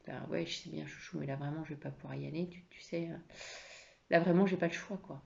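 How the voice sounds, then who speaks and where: A woman voicing an apologetic husband who speaks softly and stammers as he tries to calm his partner. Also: low voice, fast talker, gravelly, highs cut off. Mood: pleading. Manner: soft, hesitant, stammering, placating. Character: apologetic man, a husband stuck at work.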